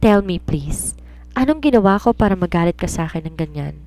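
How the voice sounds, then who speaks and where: A woman's voice: fairly low pitch, expressive, brisk, darkish tone. Woman playing a lovesick young woman, pleading, emotional, storybook romance. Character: desperate young woman in love.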